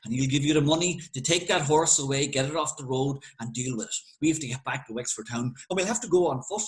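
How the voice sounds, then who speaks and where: A man's voice: medium pitch, fast talker, natural voice, rough recording. A man with an Irish accent voicing a big, stern police sergeant who speaks formally. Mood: officious. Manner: formal, officious.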